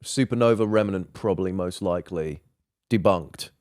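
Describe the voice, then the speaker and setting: A man co-hosting a casual podcast, deadpan and sarcastic, swearing casually. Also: deep voice, normal speed, dry recording, studio quality. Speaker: podcast co-host. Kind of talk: casual chat.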